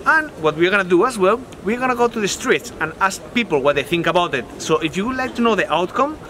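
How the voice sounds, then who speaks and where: A man's voice: high-pitched, fast talker, noisy background. A young man hosting a vlog, upbeat as he introduces the video and interviews people on the street. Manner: upbeat, lively. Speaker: host.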